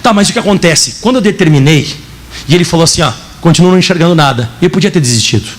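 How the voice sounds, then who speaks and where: A man, a pastor preaching a sermon in church, telling his testimony in an animated way and acting out the dialogue. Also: on the high side, fast.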